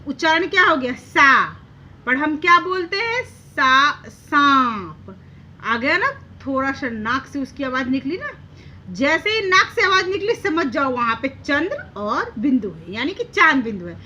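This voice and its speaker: A young woman teaching Hindi to children, asking questions and stretching out words slowly. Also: high voice, sharp tone, highs cut off, a little hiss or hum. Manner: sing-song, drawing out sounds slowly, asking questions. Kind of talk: classroom lesson for kids.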